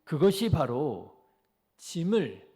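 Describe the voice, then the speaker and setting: A man's voice: on the high side, sing-song, slow, warm tone, husky. A man preaching a dawn service sermon as pastor, asking the congregation questions as he goes. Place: church sanctuary.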